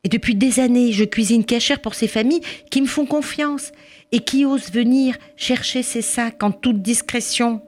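A woman's voice: a little high, normal speed, pitched above the performer's own voice, lightly acted. A woman voicing a flustered mother busy in the kitchen, who stammers and protests. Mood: earnest, explaining. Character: flustered mother cooking for the holiday.

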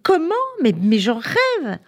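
A woman's voice: low-pitched, wildly swooping pitch, unhurried, warm tone, slightly rough, exaggerated voice. A woman voicing an eager, wonder-struck little girl in a storybook tale. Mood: excited. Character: excited dreamy little girl.

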